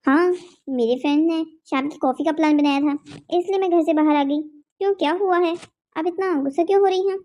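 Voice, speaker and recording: A woman's voice: sits high, fairly quick, warm tone, highs cut off, lightly acted. [name], a woman voicing a stubborn young bride. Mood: defiant. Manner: defiant, careless. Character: young carefree younger daughter-in-law, stubborn.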